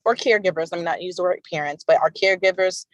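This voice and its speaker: Lady calling in on her car speakerphone while driving, lowish voice, lots of ums, dry sound. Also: fast, no echo, highs cut off. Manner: hesitant, many fillers and restarts. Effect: call from a car speakerphone while driving. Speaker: committee meeting participant. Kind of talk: casual meeting discussion on a call.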